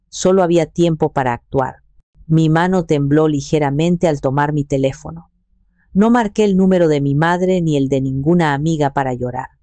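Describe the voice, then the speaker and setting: A woman telling a dramatic story in the first person as a calm, scripted narration. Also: deep voice, no echo.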